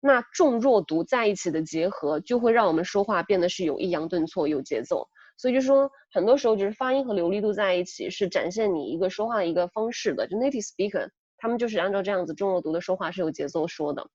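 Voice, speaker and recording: A woman's voice: medium pitch, expressive, quick pace, few pauses, a little mellow, no echo, muffled recording. A young woman tutoring for an English test, explaining in a chatty way with many fillers, talking through a headset. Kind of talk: casual spoken lesson.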